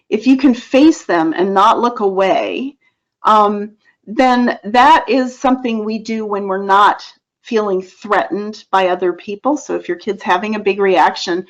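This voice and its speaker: A woman psychologist explaining parenting techniques in a relaxed, conversational way, with frequent fillers and asides. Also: mid-range voice, highs cut off. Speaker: child psychologist. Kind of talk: parenting advice talk.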